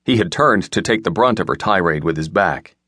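A man narrates an audiobook in a wry, dry first-person voice. His pitch sits on the low side. The close studio recording is bone dry with no room sound. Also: animated, fairly quick, fairly bright tone, breathy edge, no echo. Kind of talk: scripted narration. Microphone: close studio mic.

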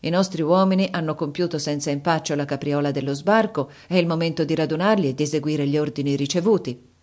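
Audiobook role: woman reading a commanding, worldly officer, dry and matter-of-fact, low-pitched. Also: fast, a little mellow, lightly acted. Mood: calm. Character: seasoned male officer, wry and commanding.

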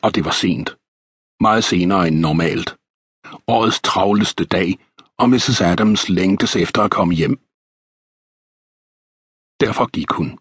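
A man reading a historical novel as an audiobook narrator, in a measured, even storytelling manner. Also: low voice, husky, no room sound.

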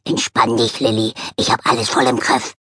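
A woman reading an audiobook, voicing a cheerful, easygoing little male dog in a lower, slangy voice. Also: flat delivery, normal speed, pushed and bright, breathy edge, no room sound, full character voice.

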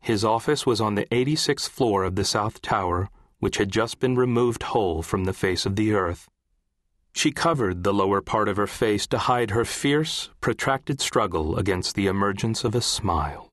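A man reading literary fiction as an audiobook narrator, in a measured, composed way. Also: fairly low pitch, a bit bright, no echo, clean studio sound.

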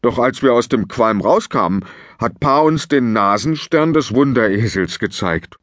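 A man voicing a dim, cheerful big-brother giant in a children's audiobook, speaking slowly, loudly and simply. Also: mid-range voice, dry recording. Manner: slow, loud and simple.

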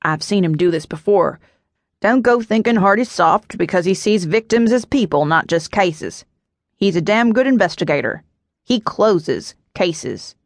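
A woman voicing a loyal male small-town policeman who talks in a hushed, confiding way. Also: mid-range voice, expressive, measured pace, dry recording, studio quality.

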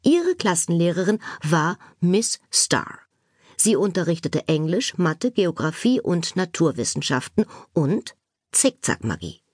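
A woman narrating a children's audiobook with expressive, playful storytelling. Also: fairly low pitch, unhurried, husky, dry recording, clean studio sound.

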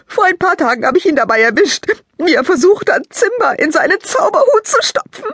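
A woman narrator voicing a young girl who is crying over her dead pet, high and tearful. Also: very animated, a little fast, fairly bright tone, no room sound, clean studio sound, exaggerated voice.

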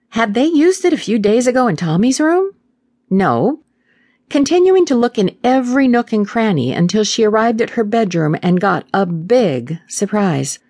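A woman narrating a contemporary romance audiobook in a measured, expressive storytelling voice. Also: mid-range voice, no room sound, studio quality.

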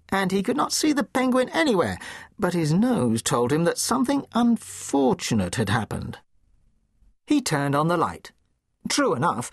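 Husky, lively male storybook narrator. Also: high voice, no room sound, clean studio sound. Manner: expressive, playful storytelling. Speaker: audiobook narrator.

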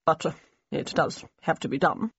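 A woman narrator voicing an evasive middle-aged male army major who mutters and hurries his words, in a somewhat low, husky tone. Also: moderate pace, no echo, heavily acted. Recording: slightly muffled audio.

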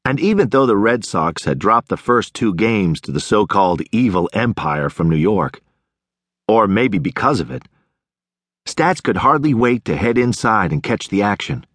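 A man narrating an audiobook in expressive storytelling style, recorded close on a studio mic. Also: on the low side, normal speed, dry recording. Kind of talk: scripted narration.

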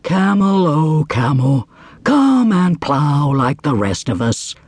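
Slow draggy ox, a guy doing the voice, husky. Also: a little high, big pitch swings, darkish tone, dry recording, heavily acted. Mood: weary. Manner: slow, weary drawl. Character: slow, plodding male ox.

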